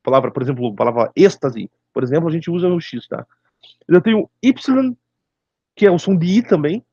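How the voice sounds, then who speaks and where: A man's voice: fairly high pitch, lively intonation, fast talker, warm tone, slightly rough, no room sound, highs cut off. A man with a Brazilian accent, teaching in a casual monologue and often checking in with his viewers. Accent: Brazilian Portuguese. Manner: keeps asking "tá certo, gente?" and addresses viewers directly. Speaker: religious video teacher.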